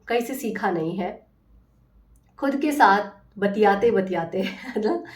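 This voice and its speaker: A woman healing coach talking casually to viewers in a soft, affectionate and earnest way. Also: mid-range voice, recorded from a distance. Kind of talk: casual motivational talk to viewers.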